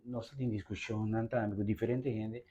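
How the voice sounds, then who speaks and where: A man with a Curaçaoan accent interviewing, halting and thinking aloud as he asks questions. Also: lowish voice, level tone, dark tone, slight background noise. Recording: slightly dull lo-fi sound.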